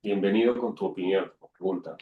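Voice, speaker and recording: A man's voice: sits low, steady tone, brisk, narrow, tinny audio. A man moderating an online discussion in a casual, courteous way, giving the floor to participants. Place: remote online call. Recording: roomy, echoing online call audio.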